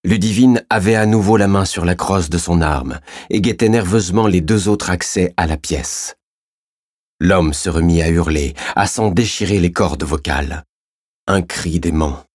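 A male audiobook narrator delivers scripted narration in a deep, husky, slightly mellow voice. The recording is clean studio sound with no room sound.

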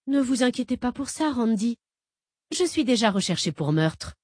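A woman reading the part of a fugitive woman FBI agent, calm, patient and quietly menacing. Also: a little high, moderate pace, dry recording, clean studio sound, voice pushed up. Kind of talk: audiobook character reading.

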